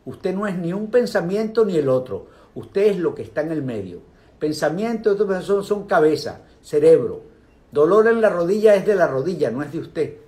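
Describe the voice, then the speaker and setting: An older man gives a casual, animated talk on meditation, speaking directly to his viewers. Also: fairly high pitch, brisk. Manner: animated, speaks directly to viewers, asides and vocal sound effects.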